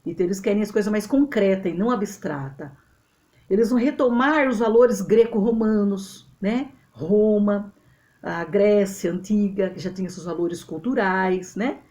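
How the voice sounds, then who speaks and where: A Brazilian woman teaching a literature lesson to a camera, explaining step by step in an animated way and often checking that her students follow. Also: mid-range voice, normal speed. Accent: Brazilian Portuguese. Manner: animated and explanatory, checks understanding with tag questions. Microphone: camera mic.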